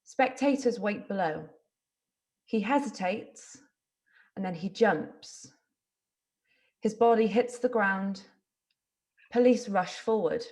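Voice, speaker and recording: A woman's voice: medium pitch, expressive, slow, pauses often, a little mellow. A woman giving scripted narration, reading out stage directions.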